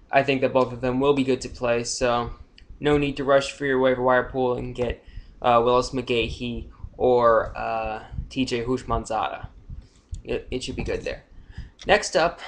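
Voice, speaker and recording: A man's voice: medium pitch, a bit bright. A young man giving casual, unscripted fantasy football injury commentary, rambling with frequent fillers and self-corrections.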